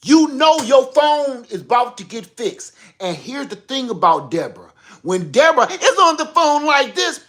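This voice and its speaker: A man hosting a livestream, telling an emphatic, animated story and repeating his points. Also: extremely high pitch, normal speed. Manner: animated storyteller, acts out phone calls. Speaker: livestream host. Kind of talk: casual livestream monologue.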